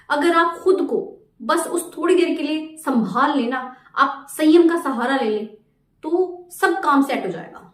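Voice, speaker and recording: A woman's voice: sits high, echoey room, recorded from a distance. A woman giving a motivational talk who keeps asking the listeners questions. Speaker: motivational speaker.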